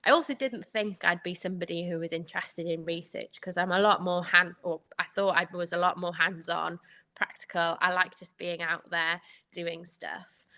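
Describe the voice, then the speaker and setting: The guest is a young anaesthetics trainee, a Welsh speaker by first language with a Welsh accent, laughing often as she chats through interview answers. Her voice is on the low side and bright and forceful, with fairly even intonation at normal speed.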